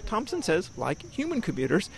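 A man's voice: high-pitched, huge pitch swings, a little fast, creaky. An American man reporting for radio news, narrating a scripted feature.

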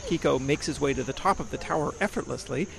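A man's voice: mid-range voice, quick pace, creaky, fairly bright tone. An American man reporting for radio news, narrating a scripted feature.

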